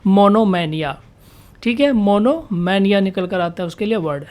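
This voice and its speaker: A woman teaching a vocabulary lesson for exam students. She asks questions and answers them herself, repeats key words, and reads the English definitions out slowly. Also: mid-range voice, darkish tone.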